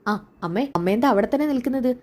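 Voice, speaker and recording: A woman's voice: a little high, animated, fast talker, a little mellow. A woman voicing a young man who pleads and grows panicked over his injured beloved. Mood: coaxing.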